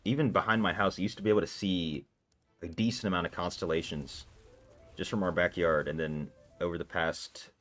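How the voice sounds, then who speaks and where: Faint music sits behind this low-voiced man as he streams games live and answers viewer questions. His intonation stays fairly even and his pace brisk, with a slightly bright quality, and he rambles loosely with plenty of filler words.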